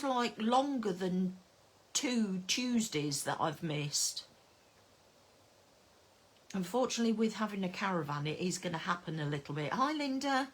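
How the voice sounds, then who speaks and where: A middle-aged woman, chatting casually on a craft live stream and greeting viewers by name. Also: medium pitch. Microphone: phone camera.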